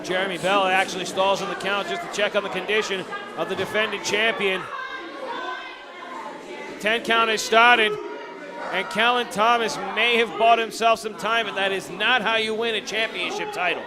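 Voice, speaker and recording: A man's voice: high voice, steady tone, moderate pace. A man working as a wrestling commentator, calling the action live in emphatic, formal, dramatic phrases. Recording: loud venue crowd behind. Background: live crowd.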